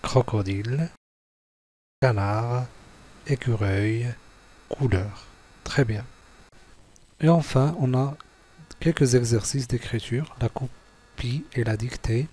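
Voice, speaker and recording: A man's voice: medium pitch, slow, long pauses, mellow, husky. A man teaching young children, going through written exercises and spelling out letters and syllables one by one. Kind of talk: slow classroom exercise walkthrough.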